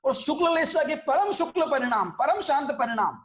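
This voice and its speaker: A man's voice: very high voice, expressive, moderate pace, a bit bright, echoey room. A man teaching a religious scripture class, explaining in a conversational way and often checking that his listeners follow.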